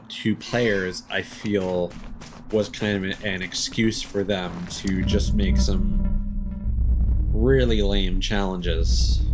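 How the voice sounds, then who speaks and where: This man's voice is fairly low and creaky as he streams a video game live. He chats casually with viewers, rambling while he thinks out loud.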